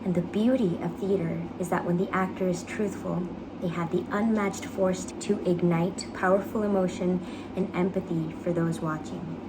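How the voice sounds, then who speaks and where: Young woman's low, earnest dramatic reading, noisy. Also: fairly even intonation, moderate pace. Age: young adult. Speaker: actor reading own application essay. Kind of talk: dramatic reading of a personal essay. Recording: clearly noisy background ambience.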